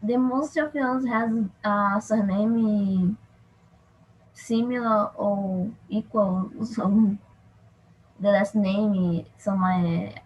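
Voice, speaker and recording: A Brazilian woman, a native Portuguese speaker, talks very slowly in English, stopping often to find her words. Her mic sounds dull and lo-fi, with faint noise behind her. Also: medium pitch, steady tone. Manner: halting, searching for English words. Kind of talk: casual group discussion.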